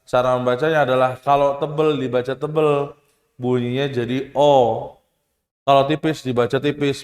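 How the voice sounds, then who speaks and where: Slow-talking man teaching Quran recitation, echoey hall. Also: mid-range voice. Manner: slow, repetitive, questioning the class, demonstrates recitation; casual, joking asides. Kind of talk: tajwid lesson to students. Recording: echoey hall with long reverb.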